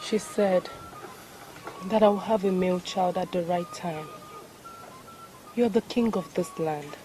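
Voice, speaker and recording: A woman's voice: on the low side, unhurried, mellow, lightly acted, poor audio. Woman acting as an earnest Nigerian queen over music. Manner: earnest, formal phrasing. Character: pregnant queen, earnest and pleading for a son. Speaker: actor. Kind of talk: dramatic film acting. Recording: prominent film music behind the voice.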